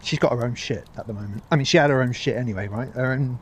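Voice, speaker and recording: A man talks his way through a loose vlog monologue while walking a dog outdoors, rambling and often restarting his sentences. He swears freely and sounds a little worn down by the heat. His voice sits at an ordinary middle pitch, with faint outdoor ambience behind him. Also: fast, a little hiss or hum. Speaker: vlogger. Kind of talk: casual spoken monologue.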